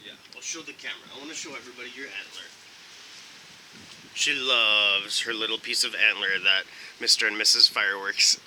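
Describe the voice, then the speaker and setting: Outdoors in the wind, a male food review host rambles through a casual snack review vlog, thinking aloud in a laid-back manner. His mid-range voice is bright and forceful, and wind noise fills the background.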